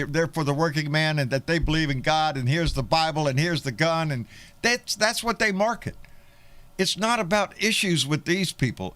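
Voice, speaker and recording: A man's voice: a little high, a bit bright, no echo. A man with a Texan country twang hosting a live political chat show, folksy and profane, often restarting his sentences. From Texas. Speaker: host.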